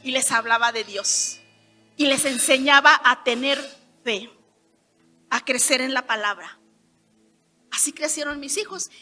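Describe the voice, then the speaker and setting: High-voiced Mexican woman preaching emphatically. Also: measured pace, pauses often. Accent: Mexican Spanish. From Hidalgo, Mexico. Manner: emphatic, rising to loud declarations. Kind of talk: sermon testimony. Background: soft keyboard music.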